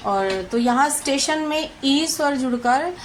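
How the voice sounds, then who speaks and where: Woman tutor, fairly high voice, slow and careful, faint noise behind. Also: expressive, rough recording. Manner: slow, deliberate, repeats answers with frequent hesitations. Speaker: teacher. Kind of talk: exam question walkthrough lesson.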